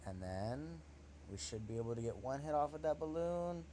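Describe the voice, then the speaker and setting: A young man giving excitable, trash-talking commentary over his own gameplay, swearing at his opponent as he plays. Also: a little high, moderate pace, slight background noise. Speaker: gaming channel host.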